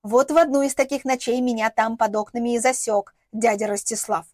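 A woman's voice: on the high side, steady tone, fairly quick, a little mellow, no room sound, clean studio sound, close to an everyday voice. A woman voicing a bitter, defiant young woman who sneers and speaks vehemently, in an audiobook.

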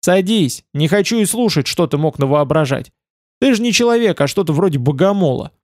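A man voicing a sharp-tongued, suspicious woman police officer who talks in curt, snappish bursts in an audiobook. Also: a little high, expressive, brisk, no room sound, clean studio sound, natural voice. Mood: scornful.

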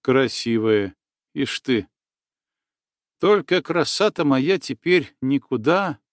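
A man reading the lines of a bitter, prickly young village woman who speaks in a sharp, scornful way. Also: medium pitch, animated, slow pace, dry recording, studio quality.

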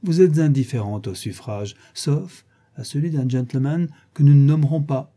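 Brief: a man doing a flighty, effusive young lady in a storybook, raised pitch, dark husky tone. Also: moderate pace, natural voice. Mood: gushing. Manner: effusive, exaggerated, gossipy. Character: gushing, flattering young woman friend. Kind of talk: audiobook reading.

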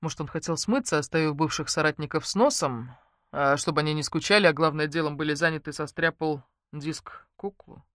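Brief: female audiobook narrator, lowish voice, wry and lively, dry close recording. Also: a little fast, dry recording. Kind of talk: first-person novel narration.

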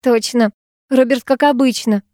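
A woman voicing a wry, teasing teenage schoolgirl with a mocking, sharp tongue, in an audiobook reading. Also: on the high side, steady tone, a little slow, no room sound, studio quality, voice pushed up, close to an everyday voice.

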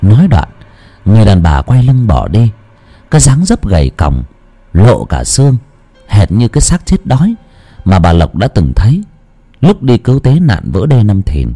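Lively low-voiced male horror storyteller. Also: normal speed, faint music behind. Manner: dramatic, expressive storytelling.

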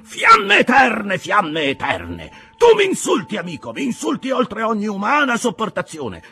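A man voicing an irascible old sea captain who blusters and shouts curses in an audiobook reading. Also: a little high, very animated, moderate pace, vocal fry, breathy edge, soft background music, pitched above the performer's own voice, exaggerated voice. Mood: furious shouting. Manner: shouting, explosive, cursing. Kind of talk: audiobook character voice.

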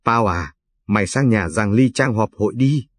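A man voicing a gruff, soft-spoken grandmother over a hundred years old. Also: lowish voice, lively intonation, normal speed. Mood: gentle, blunt. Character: frail centenarian grandmother, gruff but tender.

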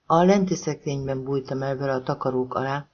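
A woman's voice: a bass voice, a little hiss or hum. A man reading a woman who fakes a thin, trembling voice, breathless and pleading, in a slightly dull audiobook recording. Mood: fake panic.

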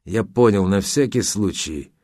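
A man's voice: on the low side, expressive, a little slow, darkish tone, dry recording, clean studio sound. A man playing a blunt, pressing journalist. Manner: pressing, contemptuous and firm. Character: determined young male journalist, blunt and accusing. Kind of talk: audiobook character voice.

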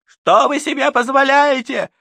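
An outraged mother, loud and high, shouting her protests. Her voice is bright, tense and sharp, sounding close and dry, as a male reader puts her on. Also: unhurried, gravelly, dry recording, exaggerated voice. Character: furious outraged mother, middle-aged woman. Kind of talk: audiobook character voice.

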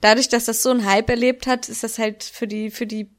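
Chatty, gossipy higher-voiced woman. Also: little pitch movement, brisk. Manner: chatty, gossipy, hesitant restarts. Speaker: podcast co-host. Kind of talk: casual chat.

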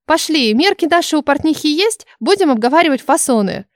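A woman voicing a cheerful, teasing young noblewoman with a bright, insistent and theatrical manner. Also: sits high, expressive, brisk, no room sound, clean studio sound, voice pushed up. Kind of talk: audiobook character voice.

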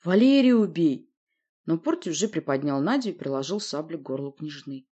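Audiobook reader, woman, husky darkish voice, steady narration. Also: low voice, fast talker, lo-fi sound. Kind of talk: scripted first-person narration.

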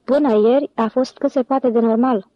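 A man's voice: very high-pitched, fairly even intonation, no room sound, lo-fi sound. A woman voicing a knowing male office clerk, matter-of-fact in manner.

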